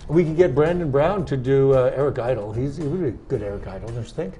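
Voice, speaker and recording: A man with a very mellow, relaxed voice hosts a casual talk show. He banters and rambles jokingly, with music faintly behind him. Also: medium pitch, fast talker.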